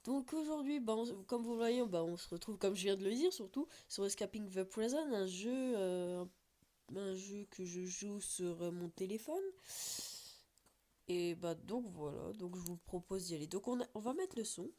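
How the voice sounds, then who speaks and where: A woman's voice: medium pitch, animated, moderate pace, dark tone, a little hiss or hum. A woman giving casual gameplay commentary as a YouTuber, chatty and rambling with lots of fillers and restarts. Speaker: gaming YouTuber.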